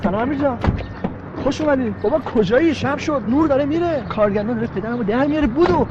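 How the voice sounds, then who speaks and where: A man's voice: extremely high pitch, lively intonation, highs cut off, background noise. A man voicing a fussy, harried male film crew assistant in a cartoon, complaining and fussing as he works.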